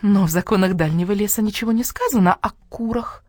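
A woman's voice: quick pace, a little mellow, no echo, clean studio sound, lightly acted. A woman voicing a coy, vain vixen in a storybook who plays helpless and whines. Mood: haughty. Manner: coy, whiny, shrill at times.

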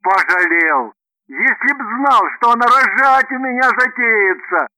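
A man voicing a panicking businessman who shouts desperately and snaps rudely. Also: very high-pitched, lively intonation, a little slow, no echo, pitched above the performer's own voice, exaggerated voice, poor audio. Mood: frantic, shouting. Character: panicking middle-aged male businessman, rude and frantic.

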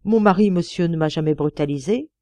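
A woman's voice: fairly low pitch, brisk, mellow, no room sound, natural voice. A woman voicing a proud, distraught young working-class mother in an audiobook, with pleading, tearful outbursts. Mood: defensive. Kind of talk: audiobook character reading.

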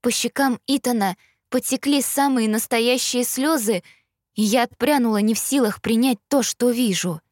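A woman's voice: on the high side, moderate pace, no room sound, studio quality. A woman narrating a first-person novel, reading steadily as an audiobook narrator. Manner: steady storytelling read.

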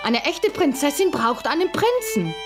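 A woman voicing a demanding, lonely young princess, insistent and whiny, her voice climbing higher with each complaint. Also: very animated, normal speed, over music.

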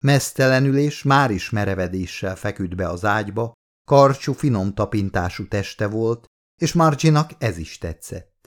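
With a fairly low, expressive voice, a male audiobook narrator reads a novel aloud. His storytelling stays measured throughout.

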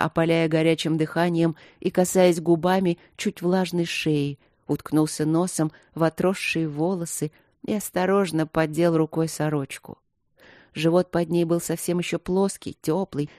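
Mellow, low-voiced woman narrating an audiobook. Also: dry recording, studio quality.

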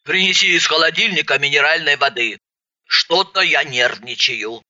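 A woman voicing a loud, nervous and blunt woman who speaks slowly and heavily. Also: deep voice, highs cut off.

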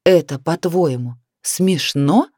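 A woman's voice: low-pitched, slow pace, a little mellow, dry recording, clean studio sound. A woman reading the part of an irritable clairvoyant wife who scolds her husband. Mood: indignant. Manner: indignant, reproachful.

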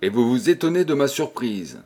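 A man voicing a polite, bewildered widowed lady who speaks softly and affectionately, in an audiobook reading. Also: mid-range voice, sing-song, normal speed, husky. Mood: troubled. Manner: soft, affectionate.

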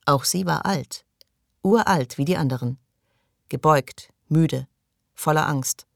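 Guy reading a sci-fi audiobook, measured, dry close mic. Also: a little high, vocal fry, dry recording. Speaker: audiobook narrator. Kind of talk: scripted narration.

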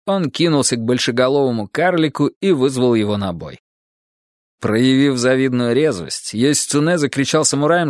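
Male audiobook narrator, middle pitch, measured dramatic telling, dead-dry booth. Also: no echo. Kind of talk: scripted history audiobook narration.

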